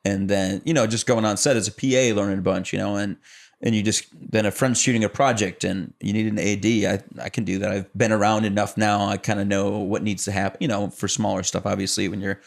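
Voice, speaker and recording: A young adult man from the Chicago area, guesting on a podcast, speaks with a low, gravelly voice. He rambles through his career story in a relaxed, casual way, restarting sentences and filling pauses. His tone stays easygoing and conversational. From Chicago area, United States. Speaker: actor and producer, podcast guest.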